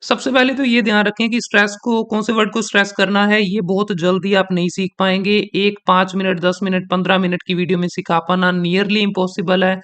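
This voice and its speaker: A young male trainer teaching an online lesson, his voice sitting high for a man. He explains in an easy, patient way and repeats example sentences slowly to show where the stress falls. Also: flat delivery, fairly bright tone, clear, resonant tone. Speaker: exam coaching trainer. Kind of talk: teaching in Hindi mixed with English.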